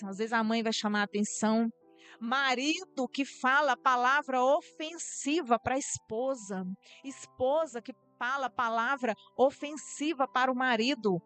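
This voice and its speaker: A woman's voice: sits high, fairly bright tone, clean tone. A Brazilian woman pastor preaching a sermon, earnestly addressing the church directly.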